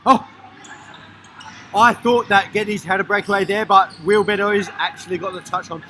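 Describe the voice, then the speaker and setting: Australian male play-by-play commentator, high and excitable, noisy arena feed. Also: moderate pace. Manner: excitable, shouts at big plays, casual swearing. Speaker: sports commentator. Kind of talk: live sports commentary. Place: indoor sports hall.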